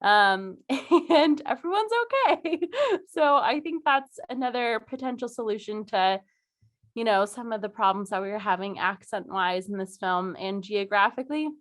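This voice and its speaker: A woman's voice: medium pitch, lively intonation, normal speed, fairly bright tone. A young woman co-hosting a podcast, chatting casually and giggling through her words with lots of fillers. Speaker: podcast co-host. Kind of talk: casual chat.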